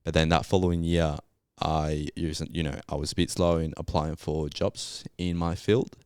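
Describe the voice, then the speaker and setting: Deep-voiced young Colombian man, smooth and laid-back. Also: level tone, moderate pace, a little mellow, no room sound, studio quality. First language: Spanish. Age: young adult. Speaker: podcast guest, geologist. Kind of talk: casual interview storytelling.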